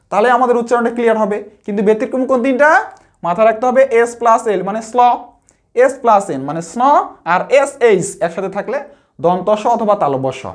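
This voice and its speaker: A woman teacher, giving a pronunciation lesson. She spells words out letter by letter and asks and answers her own questions. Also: a little high.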